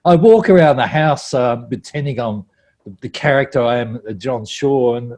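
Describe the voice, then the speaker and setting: A man's voice: mid-range voice, moderate pace, darkish tone. A man, a stage actor, chatting casually on a video call, rambling and self-deprecating with frequent laughs.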